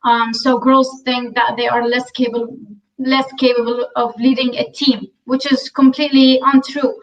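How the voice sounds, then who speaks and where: A woman from Syria, a podcast guest, speaking thoughtfully with many ums and pauses. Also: a little high, flat delivery, distant mic, muffled recording. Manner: thoughtful, many ums and uhs, self-questioning. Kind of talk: conversational interview.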